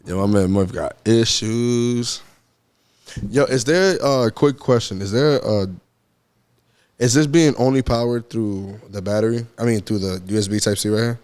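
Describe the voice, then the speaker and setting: A young man on a podcast who teases his co-host and keeps throwing out quick questions. His speech is slangy and casual, and his voice sits at a middle pitch for a man. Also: darkish tone, smooth, dry recording. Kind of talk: casual chat.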